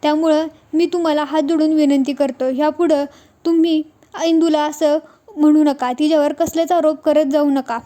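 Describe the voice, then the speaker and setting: A woman's voice: high voice, steady tone, normal speed, dark tone, natural voice. A woman voicing a poor, humble older man who pleads earnestly and politely in a serial recap.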